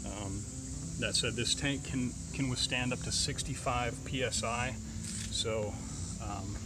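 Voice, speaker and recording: A man's voice: medium pitch, steady tone, takes it slowly. A man showing off camping gear on his truck, talking casually with many ums and uhs, outdoors in the woods. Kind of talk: casual product walkthrough. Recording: outdoor recording with insect noise.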